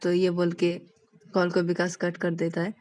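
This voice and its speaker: Woman storyteller, casual retelling, mellow and warm. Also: on the low side, monotone, normal speed. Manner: repetitive linking phrases, plain retelling.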